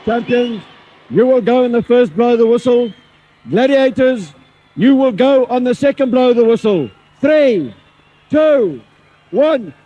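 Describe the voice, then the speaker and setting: High-voiced referee on a worn tape copy. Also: male voice, animated, muffled recording. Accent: South African. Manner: slow, deliberate commands. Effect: worn VHS tape copy sound. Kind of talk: calling start countdowns.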